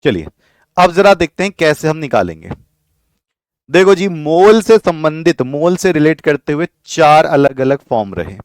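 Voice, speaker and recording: A man's voice: a little high, no room sound. Man teaching chemistry to students. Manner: explains patiently, repeats key points, asks students to answer. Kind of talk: live online class lecture.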